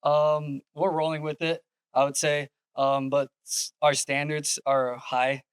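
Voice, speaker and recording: A man who is a head soccer coach, answering interview questions in a measured, hesitant way with pauses. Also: on the high side, level tone, clean tone, no echo. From Yakima, Washington.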